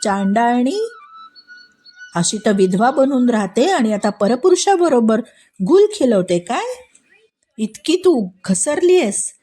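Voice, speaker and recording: A woman voicing an enraged royal man who shouts accusations and insults in a told story. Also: fairly high pitch, lively intonation, moderate pace. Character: furious jealous royal man with a sword.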